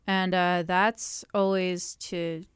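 Speaking slowly in a smooth, fairly low voice with a level tone, a young female singer responds to interview questions. She's chatty, laughs frequently, and leans on fillers such as "um" and "like."

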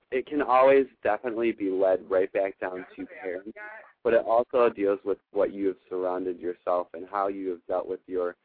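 Through narrow, phone-like radio sound, a low-voiced man advises callers on his call-in show. The recording is dry, and his delivery is earnest and emphatic, affirming callers in a spiritual coaching style.

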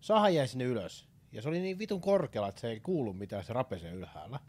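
A man's voice: mid-range voice, animated, darkish tone. Dry, blunt man telling a joke. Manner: dry, blunt, tells a workplace joke with hesitant fillers. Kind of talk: casual chat.

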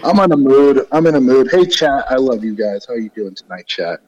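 A man's voice: medium pitch, brisk, a little mellow, highs cut off. A man in casual, joking chat as a radio show guest, calling in from a living room full of reverb. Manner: joking, playful. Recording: echoey reverberant room, off mic.

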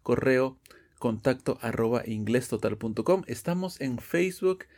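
A man's voice: mid-range voice, lively intonation, moderate pace, darkish tone. Guy teaching english pronunciation, patient, keeps asking ok?. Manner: patient, explains step by step with frequent "ok?" checks. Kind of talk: podcast lesson in Spanish.

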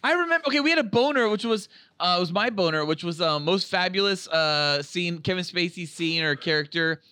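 A man's voice: high voice, lively intonation, sharp tone, clean tone. A man co-hosting a podcast, chatting and joking about movies. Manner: joking, laughing, quick comebacks. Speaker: podcast co-host. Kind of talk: casual movie talk.

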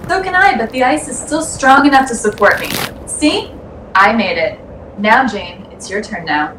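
A woman's voice: fairly high pitch, animated, moderate pace, fairly bright tone, a little hiss or hum. An actress playing a scheming, insistent woman in a theatrical old radio thriller. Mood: coldly coaxing. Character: scheming, coldly coaxing murderous woman. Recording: echoey distant vintage radio drama recording.

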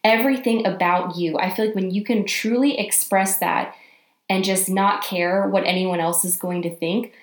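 A woman in her twenties hosting a solo podcast, upbeat and bubbly, talking fast when she gets excited. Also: medium pitch. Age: 20s. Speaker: podcast host. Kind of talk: casual solo podcast talk. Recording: roomy echo.

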